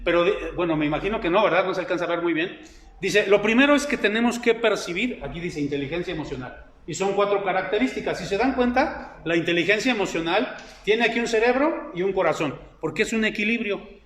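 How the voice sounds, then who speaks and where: A middle-aged man gives a sermon. His voice sits fairly high and carries a roomy echo. He talks conversationally, with many fillers and questions to the listeners. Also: fairly bright tone, slight background noise. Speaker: preacher. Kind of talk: sermon with slides. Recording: echoey room.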